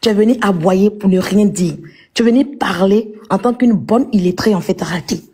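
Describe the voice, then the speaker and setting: A woman's voice: mid-range voice, moderate pace, dark tone, breathy edge. A woman at home at night, arguing point by point on a live stream and scornfully insulting her rival. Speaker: live-stream clash participant. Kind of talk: heated live-stream argument.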